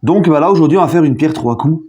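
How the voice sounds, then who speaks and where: Chatty French football fan vlogger. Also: male voice, on the high side, fast talker, dull audio. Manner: chatty, jokey, animated with sudden loud outbursts. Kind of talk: casual video commentary.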